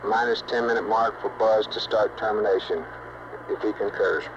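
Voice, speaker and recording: A man's voice: lowish voice, steady tone, normal speed. A man working as flight director, coordinating a mission control radio loop in a businesslike, clipped manner and checking for agreement. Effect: radio intercom. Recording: muffled, noisy archival intercom loop.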